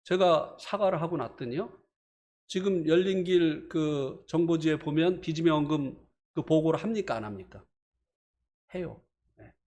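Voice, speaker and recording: A male pastor preaching a sermon in a church, telling a personal story with animated swings between heated and subdued. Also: on the high side, a little slow.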